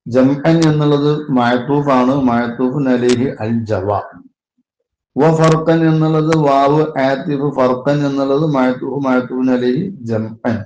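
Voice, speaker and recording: A man with a Malayalam accent, working as a religious teacher, slowly explains the grammar of a classical Arabic poem and parses it word by word. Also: medium pitch, darkish tone. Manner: slow, deliberate parsing with Arabic terms. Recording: echoey room with faint noise.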